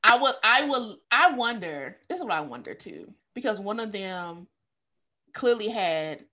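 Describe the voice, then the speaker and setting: A woman talks frankly on a podcast, her bright voice swinging widely up and down. She speaks with lively, animated emphasis and a loose, profane candor, as if among friends. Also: medium pitch, unhurried. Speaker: podcast co-host. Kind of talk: candid casual chat.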